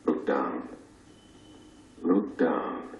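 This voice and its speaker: Male narrator, very low and unhurried, solemn scripted documentary read with weighty pauses, dull roomy recording. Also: darkish tone, a little hiss or hum. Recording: dull, echoey sound.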